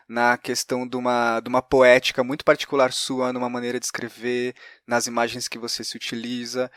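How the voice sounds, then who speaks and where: A podcast host with a Brazilian accent leads a conversational interview, hesitating as he searches for his words. His medium-pitched voice has a fairly bright tone and studio quality, with no room sound.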